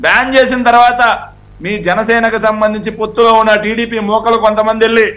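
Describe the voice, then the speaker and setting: Insistent fast-talking male spokesman. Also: sits high, level tone, fairly bright tone. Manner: insistent, talks over others, repeats himself. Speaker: ruling party spokesman. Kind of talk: heated TV debate.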